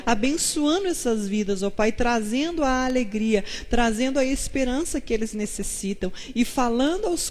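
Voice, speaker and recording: A woman's voice: on the high side, darkish tone. A woman pastor hosting a live-stream chat, greeting viewers and asking her guest questions. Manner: fervent prayer, then chatty greetings to viewers.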